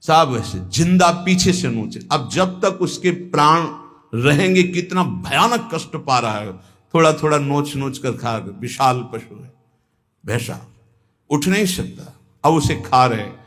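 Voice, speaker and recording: A man giving a devotional sermon, speaking deliberately and breaking into sung verses. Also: fairly high pitch, expressive, fairly bright tone. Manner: slow, chants Sanskrit verses in a sung tone. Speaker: spiritual preacher.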